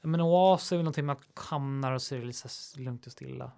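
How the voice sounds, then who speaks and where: A man co-hosting a podcast in casual chat, rambling through his thoughts with a gravelly voice. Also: medium pitch, darkish tone. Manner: rambling, lots of fillers and restarts. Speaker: podcast co-host.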